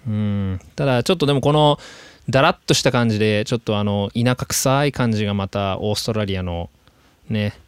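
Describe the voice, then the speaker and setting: A man hosting a podcast, talking in a chatty, animated way with drawn-out fillers. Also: fairly low pitch, clear, resonant tone, no echo. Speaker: podcast host. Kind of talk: casual podcast monologue. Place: lives in Sydney.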